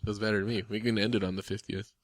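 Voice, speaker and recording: A man's voice: fairly low pitch, level tone, very fast, no echo. A young man hosting a casual podcast, upbeat and steering the talk along. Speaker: podcast host. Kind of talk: casual chat.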